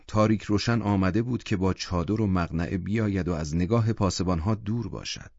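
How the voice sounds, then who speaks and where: A man narrating a literary short story as an audiobook in a calm, measured manner. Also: lowish voice, no room sound. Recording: dull lo-fi audiobook recording.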